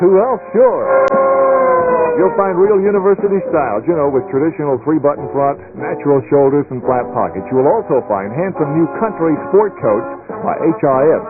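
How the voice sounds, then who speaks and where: An American man working as a 1960s top-40 radio disc jockey, with slangy, showy patter. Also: fairly high pitch. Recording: tinny old AM radio aircheck. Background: music.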